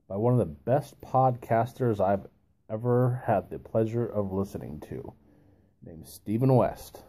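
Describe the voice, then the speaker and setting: Here a man plays a video host musing on philosophy, his speech slow to come and broken by long silences, a pipe clamped in his mouth. He sounds mellow, with a somewhat low pitch.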